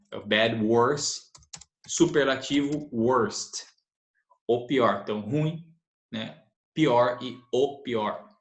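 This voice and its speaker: A man's voice: medium pitch, fairly bright tone. A man teaching an English grammar lesson, explaining patiently and repeating the key points. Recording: echoey room, faint noise.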